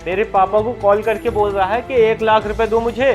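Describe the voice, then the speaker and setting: An actor playing a young husband, irritated and agitated at being blackmailed, over background music. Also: male voice, high-pitched, little pitch movement, fairly quick, close to an everyday voice. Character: young husband caught in a dowry blackmail, man. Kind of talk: web-series family drama acting.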